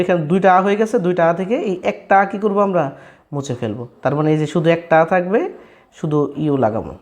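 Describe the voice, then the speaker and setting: Man teaching, checking in often. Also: high-pitched. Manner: checks in often with "clear, brother?"; repeats and rephrases each step slowly. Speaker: language teacher. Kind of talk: casual spoken lesson.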